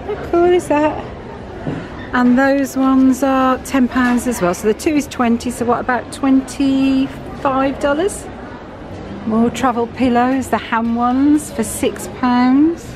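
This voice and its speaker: A middle-aged British woman vlogging from a big store, chatting excitedly about items and their prices. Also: high-pitched, slow pace. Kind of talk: shopping vlog walkthrough. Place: large busy store indoors. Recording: store music and crowd noise behind.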